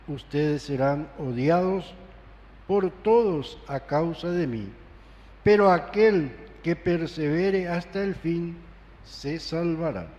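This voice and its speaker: Male priest, high voice, solemn and unhurried Gospel reading, long cathedral echo. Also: darkish tone. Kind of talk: solemn liturgical scripture reading. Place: large church, amplified live Mass. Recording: long reverberant church echo.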